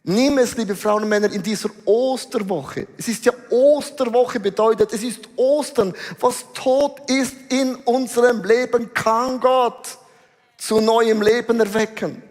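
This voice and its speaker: Animated Swiss preacher in a reverberant hall. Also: male voice, very high-pitched, measured pace. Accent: Swiss German. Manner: animated, mixes in English phrases and slang. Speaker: pastor. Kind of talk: sermon. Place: church auditorium stage. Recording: large hall with long reverb.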